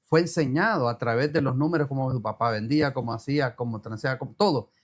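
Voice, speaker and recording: A man with a mid-range voice speaks fast while being interviewed as a guest entrepreneur. He talks earnestly, repeats phrases, and quotes the Bible, so the casual chat takes on preacherly flourishes.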